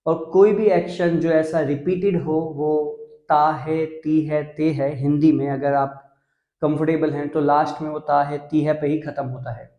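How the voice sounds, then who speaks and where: A man's voice: on the high side, mellow, roomy sound, dull audio. A young Indian man teaching English grammar on a video channel, explaining step by step and mixing English terms into Hindi. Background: dogs barking.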